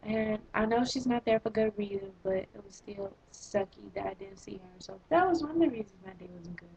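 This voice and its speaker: A teenage girl in eleventh grade ranting in a casual vlog, sarcastic and exasperated, with a slightly husky voice. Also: medium pitch, brisk, low-quality recording. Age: teens. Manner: exasperated, sarcastic, animated complaining. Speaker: vlogger.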